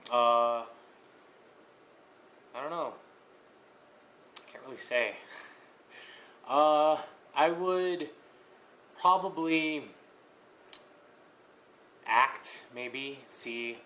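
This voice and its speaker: A young man answering viewer questions in a casual vlog, hesitant, with many fillers, pauses and small laughs. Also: medium pitch, animated, bright, forceful tone.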